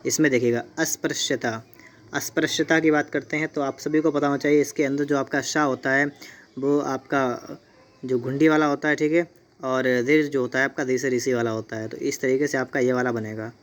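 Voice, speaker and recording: A man's voice: medium pitch, steady tone, fairly quick. A man teaching Hindi spelling for exam preparation, patiently explaining each option and repeating key points. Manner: patient, repeats points, says "ठीक है" often.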